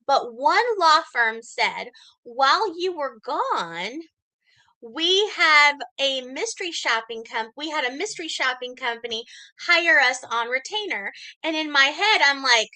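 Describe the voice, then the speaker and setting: A woman's voice: pushed and bright, rough recording. A woman in her forties hosting a casual livestream, telling a long personal story in a chatty way and acting out the people she quotes. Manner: chatty, acts out quoted voices with big pitch jumps. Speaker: host.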